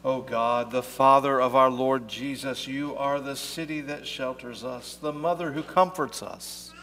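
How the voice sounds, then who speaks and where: A man's voice: mid-range voice, steady tone, unhurried, a little hiss or hum. A pastor leading worship, chanting the liturgy and praying in a large church, his voice carrying a cathedral-like echo. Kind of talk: sung liturgy and spoken prayer. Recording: echoey church from far off with loud organ music. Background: loud worship music.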